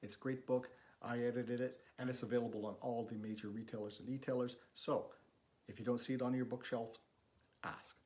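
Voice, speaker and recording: Casting: male reader for fireside storytelling, average pitch, recorded in an echoey room. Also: flat delivery, fairly quick, a little mellow. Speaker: book editor and reader. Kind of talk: fireside storytelling, reading a suspense novel aloud.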